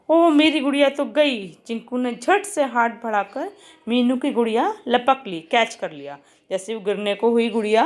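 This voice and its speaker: A woman teacher telling and explaining a children's story to her pupils, repeating each part in simpler words. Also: a little high. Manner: retells each line twice, explaining.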